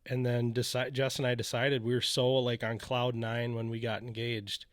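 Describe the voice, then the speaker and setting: A man's voice: medium pitch, little pitch movement, moderate pace, no echo. Man telling his story, dry close sound. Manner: candid, rambling retelling with many "you know" asides. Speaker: podcast co-host telling his faith story. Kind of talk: casual storytelling conversation.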